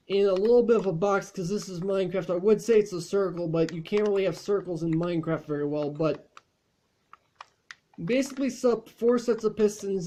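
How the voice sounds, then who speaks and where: A man's voice: high-pitched, warm tone, slight background noise. A man chatting casually over gameplay as a channel host, rambling along with frequent fillers and restarts.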